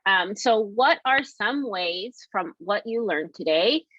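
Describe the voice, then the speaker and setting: A woman's voice: mid-range voice, animated, takes it slowly, no echo. A woman hosting a webinar question and answer session in a friendly way, reading audience questions aloud. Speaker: webinar host. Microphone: video call. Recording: dry, muffled call audio.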